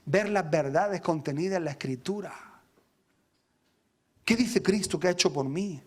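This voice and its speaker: A pastor preaches in a high, ringing voice. He speaks with fervor, calling out to his brothers in the congregation, and stutters over repeated words when he pushes hardest. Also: normal speed. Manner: impassioned, addresses listeners as brothers, repeats words when fired up. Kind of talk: sermon.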